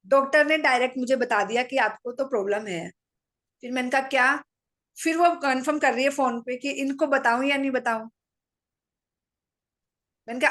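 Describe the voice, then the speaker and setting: A middle-aged woman calmly tells a personal story to a meditation audience, speaking matter-of-factly and acting out her own lines in conversations. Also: fairly high pitch. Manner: calm, matter-of-fact storytelling with quoted dialogue.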